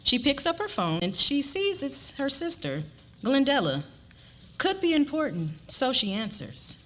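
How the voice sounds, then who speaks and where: At a live dramatic reading, a woman tells a scripted story with expression, her high-pitched voice sing-song, slightly slow and a bit bright. Ambient noise from the audience setting is plainly audible in the recording.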